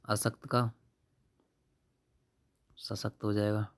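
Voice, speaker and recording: A young YouTube tutor for exam prep works through questions and answers in an offhand, colloquial way, calling his viewers "brother." His voice is lowish with little pitch movement, and he takes his time.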